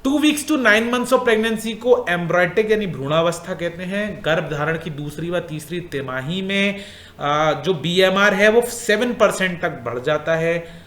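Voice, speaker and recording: A man's voice: sits high, expressive, a little slow, fairly bright tone, echoey room. A male teacher going through exam questions in a casual way, repeating points and asking the class questions.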